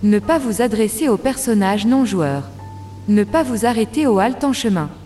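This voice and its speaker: A woman's voice: on the high side, expressive, normal speed, mellow, soft background music. A woman voicing a simulation's artificial intelligence, with a half-robotic synthetic voice that announces rules in a clipped, formal list. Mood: instructive. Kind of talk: audiobook drama voice.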